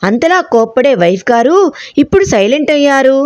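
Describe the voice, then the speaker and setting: A woman's voice: high-pitched, sing-song, a little fast, a little mellow, no room sound. A woman voicing a rich young husband who gives curt orders and teases his wife, in a read-aloud story. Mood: teasing. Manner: curt commands, then teasing. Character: rich young man, bossy, curt, teasing.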